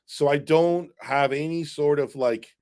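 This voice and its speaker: A man who reviews audio equipment and hosts his own channel answers viewers' questions during an unscripted livestream. He's emphatic and opinionated, often checking in with "okay?", and his slightly high, darkish voice moves at an unhurried pace.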